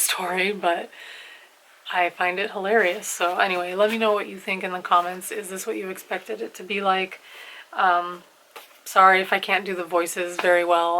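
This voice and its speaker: A woman's voice: fairly low pitch, sharp tone, a little hiss or hum, rough recording. A woman reading a classic novel aloud, then chatting casually and laughing at herself. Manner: chatty, self-deprecating, laughs often. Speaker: audiobook reader. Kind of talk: read-aloud narration, then casual chat.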